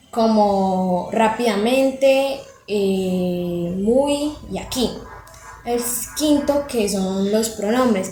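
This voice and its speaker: A young woman reading a class presentation, listing examples in a slow, measured way with hesitant fillers. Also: mid-range voice, a little mellow. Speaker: student presenter. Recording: echoey room, faint background noise.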